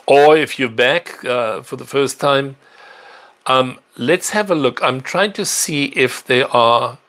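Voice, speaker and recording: His mid-range, slightly bright voice carries through a casual live stream in which this middle-aged South African answers viewers' questions. He's in a city apartment and rambles, using fillers and restarting sentences.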